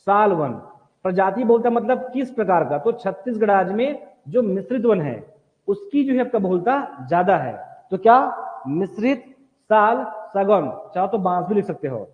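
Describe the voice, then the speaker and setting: A man with a high-pitched voice leads an exam coaching class, firing short repeated questions and answering them himself. He keeps telling the students what to write down. The sound is thin and phone-like, with a long hall reverb. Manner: repetitive question-and-answer drilling; directs students to write notes. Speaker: teacher.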